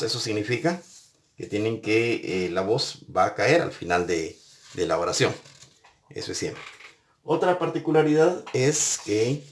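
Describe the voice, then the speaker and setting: A man teaching an English grammar lesson, patiently repeating and spelling out each step. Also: mid-range voice. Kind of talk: recorded classroom lesson.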